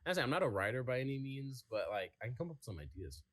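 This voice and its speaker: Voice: mid-range voice, big pitch swings, very fast. A young adult in their twenties co-hosting a podcast in casual chat, laid-back and jokey, wrapping up the episode over a video call. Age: 20s. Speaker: podcast co-host.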